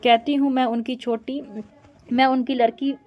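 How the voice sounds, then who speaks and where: A woman's voice: high-pitched, level tone, moderate pace, dull audio, lightly acted. A woman reading the part of a sulky, defiant teenage girl aloud from a script. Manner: read aloud plainly from a script.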